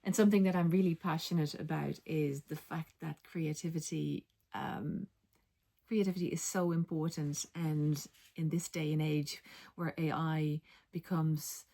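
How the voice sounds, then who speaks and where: A middle-aged Dutch woman with a light accent chats casually on her vlog in a relaxed way, pausing on ums and correcting herself as she goes. Her fairly low voice has a gravelly edge, and she knits and works as a linguist.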